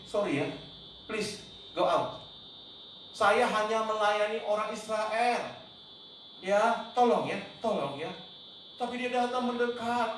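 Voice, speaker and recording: A man with a very high voice preaches emphatically from a church hall, now and then breaking into English words and shouted cries. The sound is heavily echoey and caught from some distance. A faint noise sits underneath. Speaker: pastor. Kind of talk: sermon.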